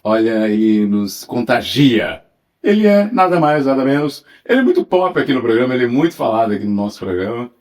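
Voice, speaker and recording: A man's voice: mid-range voice, big pitch swings, a little fast, darkish tone. A man hosting a podcast, opening with playful showman greetings and tossing in quips as he interviews. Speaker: podcast host.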